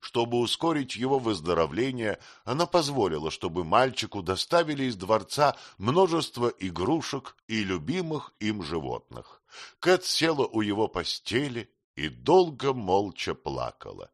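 A man narrating an audiobook in a measured way, recorded on a close studio mic. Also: very animated, no echo. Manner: measured, low, lowering pitch for narration. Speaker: audiobook reader. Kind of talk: scripted narration.

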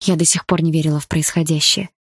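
Woman, audiobook narration, first person, tense, low voice, dry close sound. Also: fairly even intonation, fast talker, husky, dry recording.

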